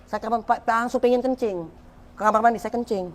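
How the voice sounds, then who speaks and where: A man, an interview guest, telling a personal story in a vivid, repetitive way that swings from loud to hushed. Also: extremely high pitch, steady tone, fast, slight background noise.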